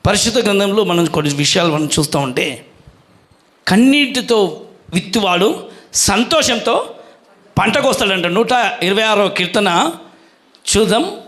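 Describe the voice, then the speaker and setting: A man's voice: high voice, moderate pace, pauses often, a bit bright. A male pastor preaching a sermon, questioning the congregation and calling for their answers.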